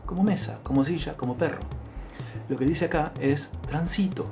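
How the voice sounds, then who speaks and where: A man's voice: a little high, moderate pace, gravelly, over music. Argentine man teaching a grammar lesson. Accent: Argentine Spanish. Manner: lists example words, checks in with a repeated "¿sí?". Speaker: language teacher.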